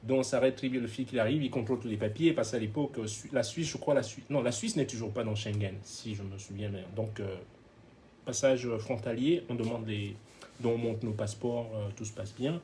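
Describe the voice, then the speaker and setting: Animated storytelling man, mid pitch. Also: brisk, slight background noise. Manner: animated, acts out other people's lines, laughs often; switches into English phrases mid-story. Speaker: touring musician telling an anecdote as a guest. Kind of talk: casual storytelling.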